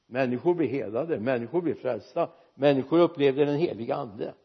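Husky-voiced preacher man. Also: medium pitch, dull audio. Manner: lively preaching, jokes with the congregation. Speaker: pastor. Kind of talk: sermon. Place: church.

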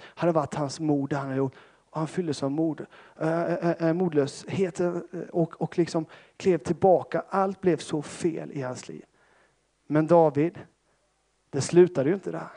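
High-voiced Swedish pastor preaching. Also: male voice, dark tone. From Sävsjö, Småland, Sweden. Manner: storytelling with self-deprecating humor, many fillers. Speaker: pentecostal pastor. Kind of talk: sermon.

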